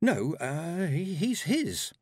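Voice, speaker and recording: A man's voice: on the high side, wildly swooping pitch, slow, no echo, studio quality, voice pushed up, heavily acted. A man voicing a polite, level-headed young witch girl. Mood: earnest. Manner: polite, earnest.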